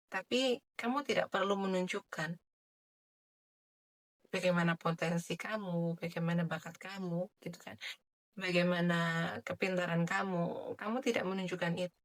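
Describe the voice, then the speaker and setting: Low-voiced woman reading tarot. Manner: soft, chatty, with many filler tags and light laughs. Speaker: tarot reader. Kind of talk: general tarot reading monologue.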